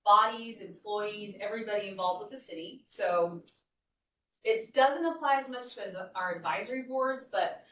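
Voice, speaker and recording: A woman's voice: medium pitch, normal speed, a bit bright, a little hiss or hum. A woman city staff presenter giving a board training, talking conversationally and explaining with frequent restarts. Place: meeting room. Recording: echoey meeting room, distant mic.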